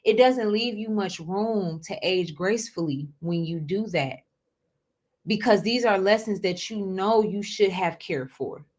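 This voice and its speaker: Talking solo to viewers on her own show, a woman in her twenties uses a medium-pitched, slightly mellow voice at a measured pace. She's chatty, repeats herself often, addresses people as y'all, and checks in with "okay?"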